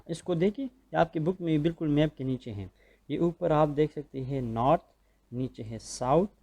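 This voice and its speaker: Patient Pakistani male teacher, mellow voice. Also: medium pitch. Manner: patient, repeats points and checks understanding. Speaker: school teacher. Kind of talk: recorded classroom lecture.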